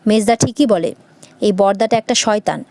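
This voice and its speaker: A woman's voice: mid-range voice, moderate pace, mellow, no room sound, close to an everyday voice. A woman reading the lines of a defiant, wry younger brother.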